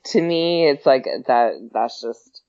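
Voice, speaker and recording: A man's voice: mid-range voice, slow, a little mellow. A man co-hosting a podcast in casual sports banter. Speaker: podcast co-host. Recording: dull lo-fi podcast audio.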